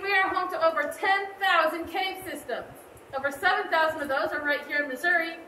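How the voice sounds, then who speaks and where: A woman working as a tour guide, explaining things to a group in scripted narration inside a cave. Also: very high voice. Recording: echoey cave, distant mic, faint noise.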